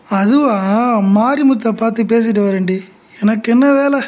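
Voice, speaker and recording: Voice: medium pitch, moderate pace, a little mellow, close to an everyday voice. A young performer voicing a mild, puzzled older father-in-law in a family comedy skit. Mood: placating.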